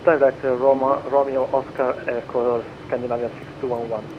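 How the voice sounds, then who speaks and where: A man on a pilot's headset radio, giving quick clipped readbacks to air traffic control. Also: medium pitch, little pitch movement. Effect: pilot radio transmission over headset. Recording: muffled radio feed.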